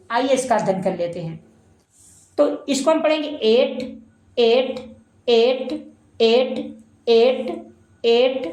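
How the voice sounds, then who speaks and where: A woman's voice: on the high side, darkish tone, reverberant, poor audio. A woman teaching pronunciation, spelling words letter by letter and drilling the sounds, often addressing her listeners as friends. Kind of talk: pronunciation lesson.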